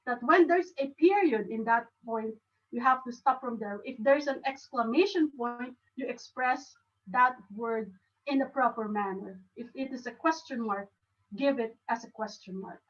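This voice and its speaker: Filipino woman speaker teaching a club session; halting, repeats words, pitched high, far from the mic. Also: lo-fi sound. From Philippines. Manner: halting, with frequent restarts. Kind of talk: educational talk.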